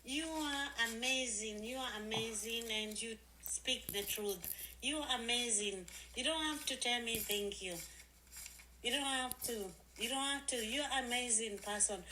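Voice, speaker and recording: A woman's voice: fairly high pitch, measured pace, pushed and bright, a little hiss or hum, poor audio. A woman in her forties chatting casually on a live stream, effusive and repeating herself, talking into her phone. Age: 40s.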